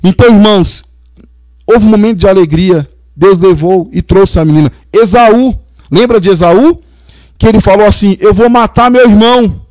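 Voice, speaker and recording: A man's voice: sits high, normal speed, dark tone, dry recording. A male pastor from Brazil preaching a sermon, telling Bible stories and acting out the figures' lines. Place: church.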